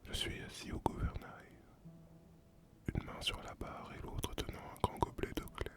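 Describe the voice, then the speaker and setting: A performer voicing a solitary male sea captain and former pirate in a whispered role-play, breathy and unvoiced, telling the tale slowly and poetically to the listener. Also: natural voice. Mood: wistful, serene. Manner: slow, poetic storytelling addressed to the listener.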